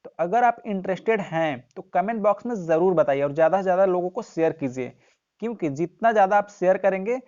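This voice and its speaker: A man's voice: sits high, animated, quick pace, a little mellow. Male tutor, exam revision lesson, repeats key points, asks and answers his own questions, muffled lo-fi sound. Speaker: teacher.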